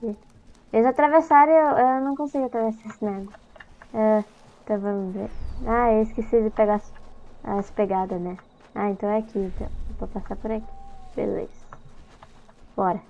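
A woman's voice: medium pitch, fairly even intonation, a little fast, pauses often, dark tone, slight background noise. A young woman with a Brazilian Portuguese accent giving casual, chatty let's-play commentary, easily startled and talking to the game. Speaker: gaming YouTuber. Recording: dull lo-fi sound with game music behind.

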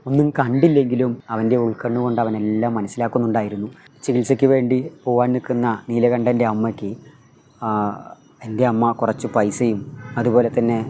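Male teacher with a Malayali accent, retelling a story for a class with feeling and fillers, mellow tone. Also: mid-range voice, slight background noise. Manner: emotive storytelling with many filler sounds.

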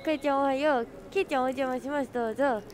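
A woman's voice: sits high, steady tone, rapid-fire, faint music behind. A woman live-streaming outdoors, chatting casually with her viewers and friends and laughing often. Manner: bubbly, greets chat, laughs often. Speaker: livestreamer.

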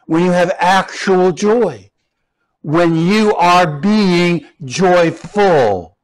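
A man preaching a sermon as pastor, slow and emphatic, repeating key words with rising stress. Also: high-pitched, rough recording. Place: church.

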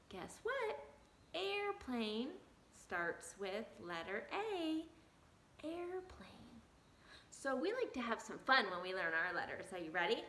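Her voice a little high and a bit bright, a woman in her thirties gives a video lesson to young children in a broad, singsong manner, asking lots of simple questions. The small, bare-walled indoor room sounds echoey, with some faint noise behind her.

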